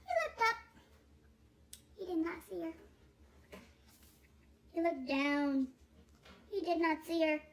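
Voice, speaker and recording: A woman reading a children's picture book aloud in a playful, expressive way, drawing out words. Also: very high-pitched, takes it slowly, pauses often. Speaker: storybook reader.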